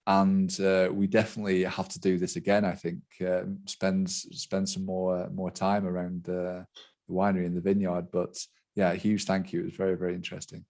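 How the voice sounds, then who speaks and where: A man's voice: sits low, monotone, moderate pace, darkish tone. A man hosting an online event, heard over a video conference call, talking loosely with many fillers. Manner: loose, filler-heavy talk. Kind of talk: casual live-stream hosting.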